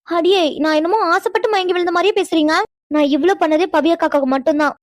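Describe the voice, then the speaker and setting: A woman's voice: very high voice, steady tone, fast talker, no room sound, clean studio sound. A woman voicing a fretful, panicky young woman. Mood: defensive. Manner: exclaiming, defensive, fretful. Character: anxious young woman Iniya, quick to panic. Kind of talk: animated cartoon dialogue.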